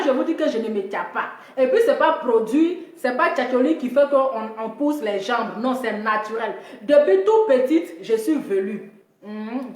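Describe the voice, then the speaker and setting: A woman from Africa telling a comic story about herself, animated, jumping into high squealing voices when she mimics other people. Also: roomy sound.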